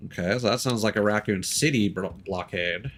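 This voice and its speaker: A man streaming games gives casual, rambling live commentary, informal and prone to swearing, muttering reactions to what is on screen. His voice is lowish and a bit bright at a moderate pace, with slight background noise.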